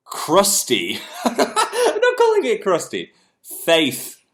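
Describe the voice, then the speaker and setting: Extremely slow and full of huge pitch swings, this young man's high-pitched, slightly bright voice carries a livestream chat. He is congested and clears his throat, reads viewer comments aloud, and talks casually with self-deprecating humor.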